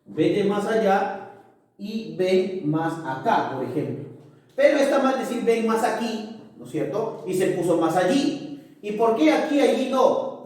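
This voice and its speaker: A man's voice: high-pitched, darkish tone, distant mic. A male teacher giving a grammar lesson, checking in with his students after nearly every point. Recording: echoey room, voice off-mic.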